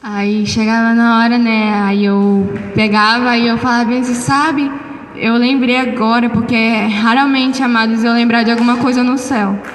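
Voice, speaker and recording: A woman tells her testimony to a church, lively and acting out every exchange. Her voice sits a little high. It rings out with a long echo through a large church hall over a faint hiss. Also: moderate pace. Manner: animated storytelling, acts out dialogue. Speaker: church member giving testimony.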